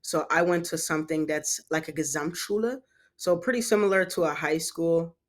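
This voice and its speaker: A woman from Germany talks as a guest on a business podcast. She answers in a relaxed, conversational way, often pausing with "um" and "kinda". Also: fairly low pitch. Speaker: company CEO, podcast guest. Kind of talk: casual interview answers.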